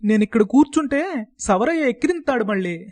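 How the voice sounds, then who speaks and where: A man's voice: very high-pitched, lively intonation, fairly quick, darkish tone, dry recording, pitched above the performer's own voice. A man voicing a teasing, sarcastic village barber with a mocking way of talking.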